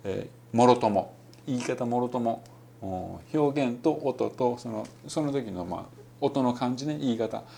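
A man with a Kansai Japanese accent giving a relaxed, rambling spoken lesson on learning English, full of fillers and with English phrases mixed in. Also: mid-range voice, unhurried, gravelly, slight background noise. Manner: demonstrates English phrases in between. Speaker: English-learning podcast host.

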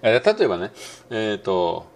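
A middle-aged man with a Kansai Japanese accent talks through a pronunciation lesson in a relaxed, musing way. His voice sits low, but his intonation jumps up and down a lot. He fills gaps with plenty of hesitations and stretches words out slowly when he demonstrates them. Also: creaky. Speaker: English pronunciation teacher. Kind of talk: casual spoken lesson, audio post.

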